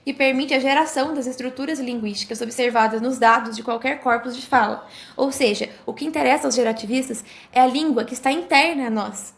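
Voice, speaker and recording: High-voiced woman reading a lecture. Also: vocal fry. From Brazil. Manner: steady scripted reading with small restarts. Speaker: student presenter. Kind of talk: read-aloud academic explanation.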